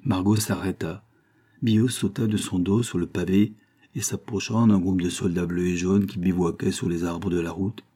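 A man reading a classic novel aloud as an audiobook narrator, steady and even, raising his voice when he voices the characters. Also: low voice, moderate pace, breathy edge.

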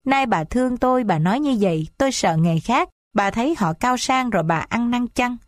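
A woman's voice: fairly high pitch, lively intonation, a little fast, no room sound, studio quality, natural voice. A woman voicing a humble, principled poor young man in a read-aloud story, speaking earnestly and formally. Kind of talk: audiobook character reading.

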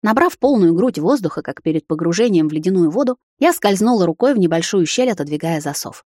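A woman reading a romantic fantasy novel aloud in the first person, soft and even. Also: on the low side, fast, no room sound, studio quality. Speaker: audiobook reader. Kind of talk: scripted first-person narration.

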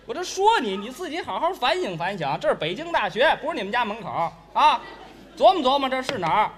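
Bright high-voiced guy doing stage crosstalk, scolds his partner, pitch jumps around a lot. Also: very animated, a little fast. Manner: scolding, bantering, sings Peking opera. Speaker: crosstalk performer. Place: stage before a live audience.

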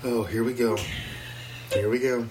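A man with a mid-range voice hosts a relaxed podcast, teasing his guest in quick, playful banter. Light background noise sits under his voice. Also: mid-range voice, poor audio. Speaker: podcast host. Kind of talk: casual podcast chat.

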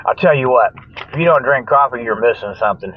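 On a dull, dry, lo-fi radio recording with a little hiss or hum, an older man hosts a comic show, talking fast and expressively in a medium-pitched voice. His monologue is folksy and tongue-in-cheek, with mock sponsor plugs, chuckles at his own jokes, and frequent lost trains of thought.

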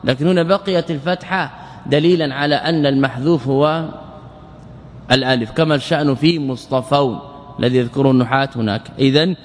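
A man teaching Arabic morphology in a lecture, repeating words slowly and asking and answering his own questions. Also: medium pitch, slight background noise. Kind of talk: classroom lecture explaining grammar. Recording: long hall reverb.

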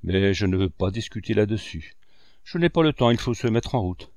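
A man's voice: fairly low pitch, lively intonation, moderate pace, darkish tone, no room sound, studio quality. A man reading the lines of a stern but fair old male street showman, firm and businesslike.

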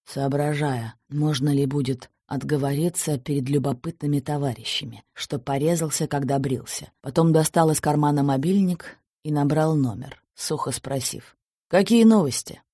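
Husky-voiced woman reading an audiobook. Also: low voice, moderate pace, hardly any pauses, no room sound, clean studio sound. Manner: steady, plain storytelling. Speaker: narrator. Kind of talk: audiobook narration.

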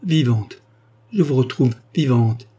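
Male reader voicing a distraught middle-aged duchess in an audiobook, pleading, husky tone. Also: mid-range voice, steady tone, moderate pace, warm tone, close to an everyday voice. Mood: overjoyed. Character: anxious noble duchess, woman, middle-aged.

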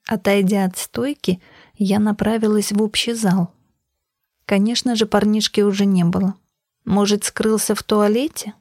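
Female audiobook narrator, mid-pitched, measured and even, close dry recording. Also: no echo. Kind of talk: scripted first-person narration.

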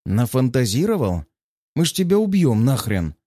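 A sweating, panicking grandmaster, put on by a male narrator, yelling in a high, desperate voice that swings wildly. The audiobook reading is close and dry, with no room sound. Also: sing-song, moderate pace, no echo. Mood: threatening.

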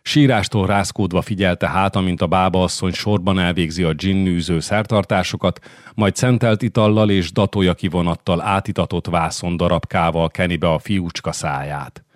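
A man narrating an audiobook in a steady, measured reading voice. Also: sits low, no echo, clean studio sound. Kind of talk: scripted narration.

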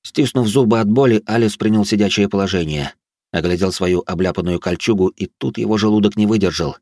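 Deep-voiced male audiobook narrator. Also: a little fast, darkish tone, dry recording, studio quality. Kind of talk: scripted fantasy narration.

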